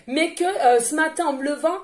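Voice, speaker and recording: A woman giving a casual tarot card reading in a loud, carrying voice, chatty, laughing often and filling pauses with hesitations. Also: high-pitched. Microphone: no microphone, picked up by the device directly.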